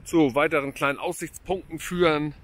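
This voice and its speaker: A man's voice: on the high side, steady tone, normal speed, a bit bright. A man in his fifties filming himself at arm's length outdoors, chatting casually as a travel vlogger and often correcting himself. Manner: chatty, rambling, self-correcting. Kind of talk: casual vlog commentary. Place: outdoors by a lake and in a wooden hut. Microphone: camera held at arm's length.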